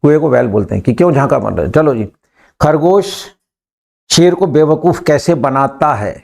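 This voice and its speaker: A man's voice: on the high side, lively intonation, moderate pace, vocal fry, a little mellow. A man teaching in a classroom, drilling his students on sentences and coaxing them to answer and repeat. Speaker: English teacher.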